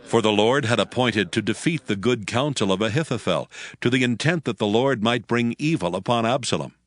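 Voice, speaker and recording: A man narrating a dramatized scripture reading in a steady, measured way. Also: mid-range voice, dry recording. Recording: faint music bed.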